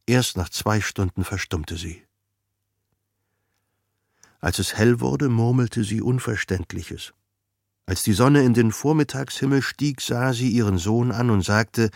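A man narrating a literary novel in a calm, measured, dry storytelling manner. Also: on the low side, gravelly, dry recording. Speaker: audiobook narrator.

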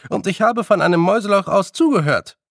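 A man voicing a very small, eager fairy man who rushes through his stories. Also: animated, fairly bright tone, dry recording, studio quality, heavily acted. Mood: rushing. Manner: eager, rushing, high-pitched.

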